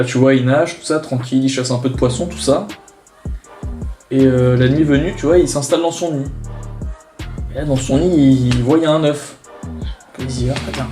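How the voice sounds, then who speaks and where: A young man telling deadpan jokes in a casual, rambling way, repeating himself with filler tags. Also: medium pitch. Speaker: contestant in a joke-telling challenge. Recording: roomy echo, music behind. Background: music.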